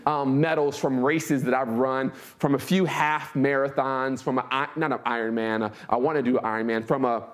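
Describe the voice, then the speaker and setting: A forty-year-old American man talks at normal speed with few pauses, his mid-range voice fairly even in intonation. His conversational motivational talk is informal and emphatic, built around personal anecdotes. He repeats phrases and checks in with his listeners.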